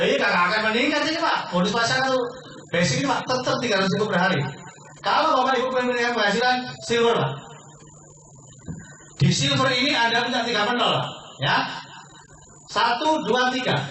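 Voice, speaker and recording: A man with a high voice works the room in a sales seminar, calling everyone sir and firing quick questions at them. His voice bounces around a big, very echoey hall. He is picked up from far off, with a faint hum of ambience underneath. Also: sharp tone. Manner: persuasive, keeps addressing listeners as sir and quizzing them. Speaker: business opportunity presenter. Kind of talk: sales seminar pitch to an audience.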